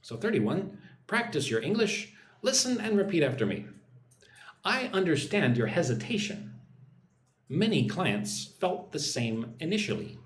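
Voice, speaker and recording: His voice sits a little high and is very animated, captured in a roomy-sounding space. He's an American English teacher streaming live, reading viewer comments and demonstrating slow pronunciation for repetition.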